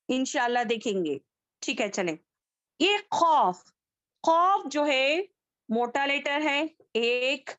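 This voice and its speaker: Patient woman teacher, high voice, slow and deliberate, leads students through letter drills in an online class. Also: a bit bright, no echo. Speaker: Quran recitation teacher. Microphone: video call.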